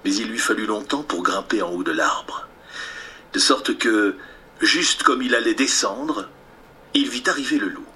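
A man reading a children's fairy tale aloud in a playful, expressive storytelling style. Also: fairly low pitch, measured pace, a little hiss or hum.

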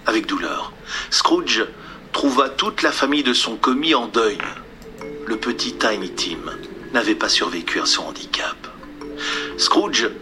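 A man narrating a storybook in a soft, hushed delivery that often drops to a near whisper. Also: mid-range voice. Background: music.

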